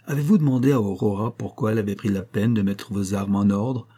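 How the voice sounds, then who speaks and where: A man reading a classic novel aloud as scripted narration, steady and lifting his voice for dialogue. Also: lowish voice, brisk, slightly rough. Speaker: audiobook reader.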